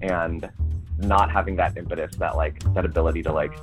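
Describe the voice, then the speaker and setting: A man leaving a relaxed, candid voicemail, laughing lightly as he talks. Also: sits low, fairly quick, soft background music, rough recording. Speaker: caller. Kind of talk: casual voicemail.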